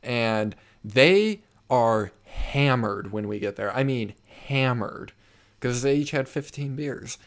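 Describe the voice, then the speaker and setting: A young man hosting a casual podcast, telling stories with lots of swearing and loud acted-out quotes. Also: mid-range voice, slow, creaky. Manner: animated storyteller, swears a lot, acts out quoted voices loudly. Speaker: podcast host. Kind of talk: casual chat.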